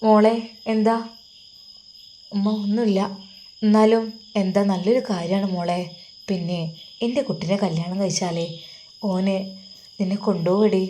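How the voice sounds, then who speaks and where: Lady doing a pushy firm mom, warm voice. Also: medium pitch, steady tone, measured pace, pauses often, slight background noise, natural voice. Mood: coaxing. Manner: coaxing then firm, louder. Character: insistent middle-aged mother, firm and coaxing.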